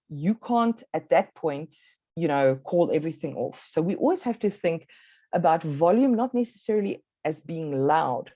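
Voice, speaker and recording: A South African woman presents a workshop in a low, mellow voice, measured and instructive, leaning on key words. The sound is dry and close. The audio is dull and lo-fi, like an online talk. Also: no echo.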